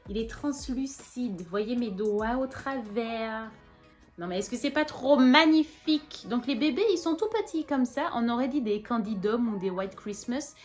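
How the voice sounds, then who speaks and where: A young woman from Martinique chats casually in a show-and-tell plant vlog, rambling with lots of fillers and restarts. Her voice is on the high side and a little slow, with faint music behind her.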